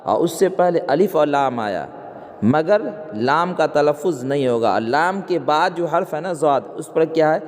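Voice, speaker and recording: A man's voice: fairly high pitch, expressive, in a large hall. A man teaching an exam-prep grammar lesson. He asks questions, answers them himself and counts the letters aloud.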